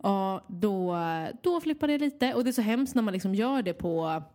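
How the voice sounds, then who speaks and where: A young woman co-hosting a podcast, telling a lively story in casual chat and acting out the quotes. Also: medium pitch. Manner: animated storyteller, acts out quotes loudly. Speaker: podcast co-host; home care worker.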